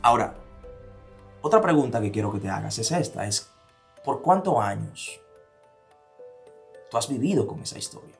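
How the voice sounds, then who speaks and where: A man's voice: mid-range voice, sing-song, normal speed, gravelly, pauses often, soft background music. A man from the Dominican Republic with a Dominican accent, giving a motivational talk. He fires off repeated rhetorical questions and drops to near-whispers for emphasis. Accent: Dominican Spanish. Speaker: motivational speaker.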